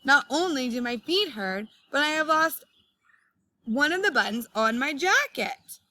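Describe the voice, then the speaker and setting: A woman's voice: high voice, sing-song, a little slow, sharp tone, pitched above the performer's own voice, heavily acted. A woman voicing a fretful, easily exasperated male toad in a storybook, complaining as he goes. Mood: grumbling. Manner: exclaiming, complaining.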